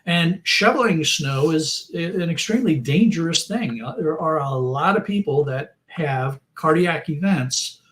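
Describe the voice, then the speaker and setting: A man's voice: fairly high pitch, lively intonation, measured pace, hardly any pauses, a bit bright. A middle-aged man hosting a casual livestream chat, rambling and friendly, with many fillers and restarts. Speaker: host.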